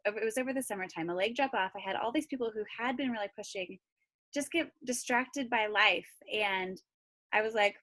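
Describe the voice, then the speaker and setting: A woman's voice: on the high side, fairly quick, a bit bright. A tired woman hosting a team call on a video call, chatty and encouraging. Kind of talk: casual chat on a video call.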